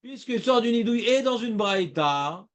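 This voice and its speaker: High-voiced man teaching a Talmud class. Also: normal speed. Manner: lively, asks students questions, playful rhymes.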